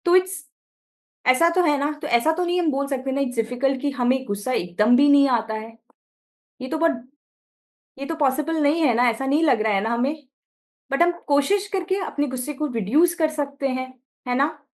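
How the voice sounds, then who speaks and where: A woman with an Indian accent teaches a class over a video call, her voice sitting high. She keeps checking in with short questions as she explains. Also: normal speed. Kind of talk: online class lesson.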